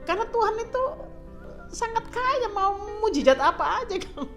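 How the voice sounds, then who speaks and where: A woman's voice: very high voice, very animated, normal speed, fairly bright tone, faint music behind. A woman telling her faith testimony in casual chat, mixing English phrases into her talk and laughing often. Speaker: guest sharing a testimony.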